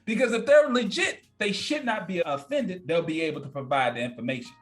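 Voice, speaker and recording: A man's voice: high voice, lively intonation, a little fast, faint music behind. A man in his thirties, a podcast guest telling a story in a blunt, emphatic, casual way that repeats points for effect. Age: 30s.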